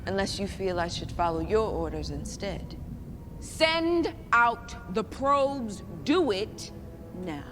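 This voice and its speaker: Brief: a stern female imperial officer, slow clipped orders, echoey with music under. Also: medium pitch, animated. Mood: commanding. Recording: show clip, echoey with music.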